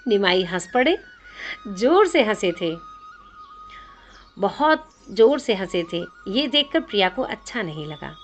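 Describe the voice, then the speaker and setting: Woman, devotional story narration, gentle, expressive, slightly muffled audio, faint music. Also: on the high side.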